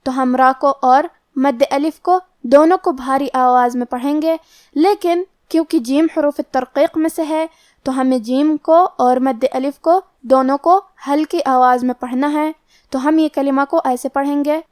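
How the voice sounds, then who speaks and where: A woman with a high, light voice gives a recitation lesson, working through each letter's pronunciation rule in order. Her voice is recorded close and dry, with no room sound around it. She speaks in a steady, instructive way. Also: no room sound. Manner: methodical, explains each letter rule step by step. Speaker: Quran recitation teacher. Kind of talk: tajweed lesson, explaining pronunciation rules.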